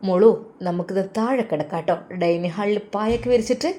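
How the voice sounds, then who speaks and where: A woman voicing a gentle young father who soothes his children with soft reassurance, in a Malappuram accent. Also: mid-range voice, fairly quick, close to an everyday voice. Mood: soothing. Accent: Malappuram Malayalam.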